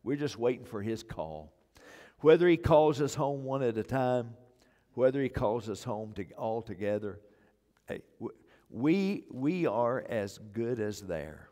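An older male pastor preaches in an unhurried, deliberate rhythm, his voice sitting at an ordinary middle pitch. He leans on repeated phrases to drive each point home. The sound rings with the long reverb of a church sanctuary. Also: lively intonation, mellow. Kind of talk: sermon. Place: church sanctuary stage, indoors.

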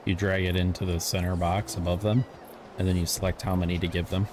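A man hosting a casual multiplayer gaming session, relaxed and explaining the controls to his friends. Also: sits low, a little fast, background noise. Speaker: gaming channel host.

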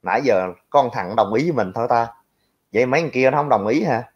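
A man's voice: mid-range voice, expressive, fast, breathy edge. A young man with a Southern Vietnamese accent who rants in reply to viewer comments, brash, crude and mocking toward his critics. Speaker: livestream commentator. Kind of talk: ranting reaction to viewer comments. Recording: lo-fi, dull audio.

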